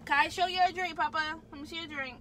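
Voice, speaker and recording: A woman's voice: very high-pitched, fairly even intonation, a little fast, a bit bright, a little hiss or hum, poor audio. A young woman chatting casually to her viewers from a parked car, often trailing off with "so, yeah" and sinking into a mumble. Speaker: vlogger. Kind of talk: casual vlog chat. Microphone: phone camera held close.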